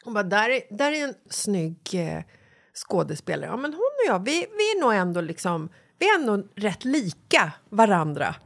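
A woman with a middle-pitched, ordinary voice chats easily on a podcast. Her talk is relaxed and loose, full of little fillers as she thinks aloud. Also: vocal fry. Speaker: podcast co-host. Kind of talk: casual chat.

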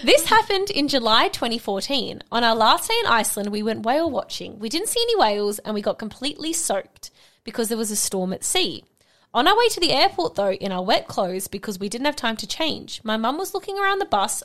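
A young woman hosting a podcast, chatting casually and reading listener stories aloud in a giggly, animated way. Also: a little high, brisk. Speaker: podcast host.

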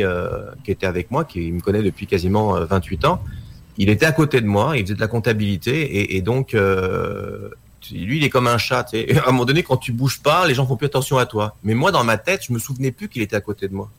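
A man's voice: on the low side, fast talker, vocal fry, a little hiss or hum. Man telling a story. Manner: animated anecdote telling, with many fillers and acted quotes. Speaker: guest. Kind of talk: casual storytelling.

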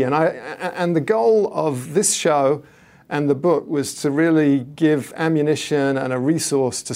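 A man hosting a podcast interview in a casual, enthusiastic way, pausing with fillers. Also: mid-range voice, gravelly, a little mellow. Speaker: podcast host.

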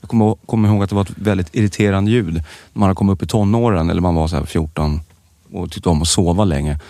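A man co-hosting a podcast, telling stories in a joking, animated way. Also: sits low, dry recording, clean studio sound. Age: adult with children. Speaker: podcast co-host. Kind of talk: casual podcast chat.

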